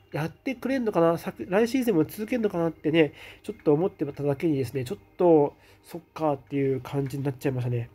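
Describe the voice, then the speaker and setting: Soft-spoken guy doing a casual live chat, kinda husky and mellow, lots of quiet "mm"s between comments. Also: a little high. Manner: soft-spoken, reads comments aloud and responds with frequent hums of agreement. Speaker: live stream host reading viewer comments.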